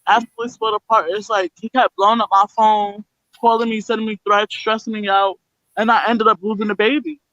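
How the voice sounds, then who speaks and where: A woman's voice: mid-range voice, flat delivery, brisk, a bit bright, dry recording, muffled recording. A young woman guest telling her own story bluntly and candidly, swearing freely. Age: young adult. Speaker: interview guest.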